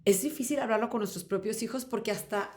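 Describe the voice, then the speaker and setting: A woman's voice: fairly high pitch, fast, a little mellow, faint music behind. A woman hosting an interview, chatty and affirming, with many fillers. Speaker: podcast host. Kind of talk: conversational interview.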